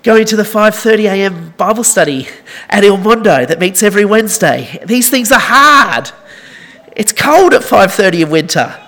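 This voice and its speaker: A man's voice: high voice, creaky, fairly bright tone. A young man preaching a sermon in an earnest, conversational way, mixing scripture with stories.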